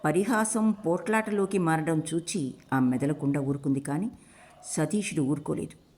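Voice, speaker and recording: Audiobook narrator, woman, warm low voice, steady measured delivery. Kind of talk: scripted narration.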